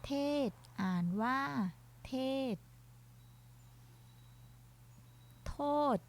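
A woman teacher leading a reading lesson for young children, saying each word slowly and clearly and speaking to them gently and politely. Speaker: primary school teacher.

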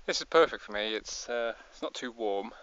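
A Scottish man with a medium-pitched, animated, fairly bright and clean voice chats casually at normal speed in an outdoor vlog while biking on hills, rambling and poking fun at himself. The outdoor recording is slightly dull with faint noise.

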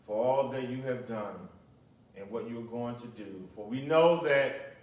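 A middle-aged pastor with a mid-range, slightly mellow voice preaches and prays in measured, deliberate short phrases, mixing sermon with prayer and commentary. He stands at the pulpit microphone of a small, nearly empty church, and the distant mic picks up a lot of echo from the room.

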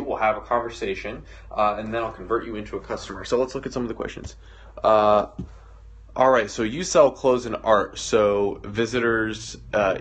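A young man leads a casual livestream lesson from a whiteboard, his voice in a middling pitch. He talks with loose, slangy energy and slips into short acted-out exchanges. The sound comes from a phone camera set a little way off in an indoor room. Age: young adult. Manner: energetic, slangy, gesturing, acts out little dialogues. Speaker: livestream host teaching marketing. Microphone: phone camera at a distance.

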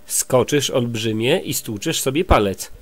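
A sensible little forest gnome, read aloud by a man. The voice is calm and plain, close to the reader's own. It is pitched at an ordinary middle level, as in a bedtime story. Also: a little slow, close to an everyday voice. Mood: warning.

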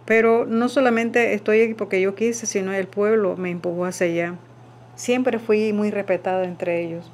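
An older woman from Panama speaks in a deliberate, halting way, stopping now and then to search for words. Her voice sits at an ordinary pitch. The interview was recorded outdoors with clear background noise. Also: steady tone, darkish tone. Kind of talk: interview testimony. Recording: noisy field recording.

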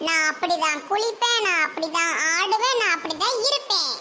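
A woman's voice: very high-pitched, lively intonation, brisk. A woman playing a spoiled, lying young daughter of a village headman, whiny and cheeky, with a Tirunelveli Tamil accent. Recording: loud background noise.

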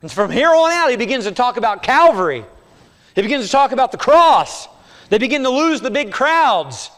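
Man, pastor, high voice, sermon, hushed then emphatic, long church reverb. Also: very animated, moderate pace. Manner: expository preaching, swinging between hushed low lines and raised emphatic ones. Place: church sanctuary.

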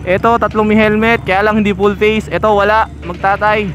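A chatty man talks riders through road rules from his moving motorbike, his voice sitting fairly high. He points things out as he rides, recorded outdoors on a helmet-mounted camera. Music plays clearly underneath. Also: flat delivery, brisk. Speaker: motovlogger. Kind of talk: casual commentary while riding. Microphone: helmet-mounted action camera.

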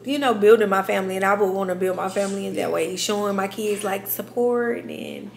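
A young adult woman chatting casually in an animated, slangy way. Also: mid-range voice, a little fast, gravelly, a little hiss or hum. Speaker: vlogger. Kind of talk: casual chat. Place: indoors at a home dining table. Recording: echoey room.

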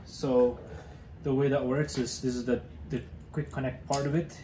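A man's voice: mid-range voice, little pitch movement, moderate pace, reverberant, noisy background. A young man hosting a casual how-to demonstration, talking hesitantly with many fillers and restarts while he works with his hands in a cluttered garage. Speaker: DIY car channel host.

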